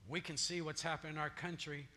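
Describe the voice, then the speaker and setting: Male pastor in full sermon mode, high-pitched, lots of church reverb. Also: flat delivery, fast talker, sharp tone. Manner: preaching, builds to declarations. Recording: long church reverb, faint music.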